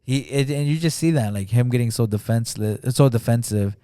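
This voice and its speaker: Retelling a film scene, a male podcast guest talks casually and frequently acts out the lines, his halting speech full of "like." His medium-pitched, mellow voice comes through a studio podcast mic with clean sound and no echo.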